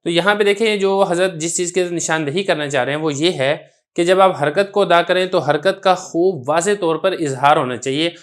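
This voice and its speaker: A man teaching a Quran recitation lesson, patiently repeating each point and demonstrating example words aloud. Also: fairly high pitch. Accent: Pakistani Urdu. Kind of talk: tajweed lesson explaining a text.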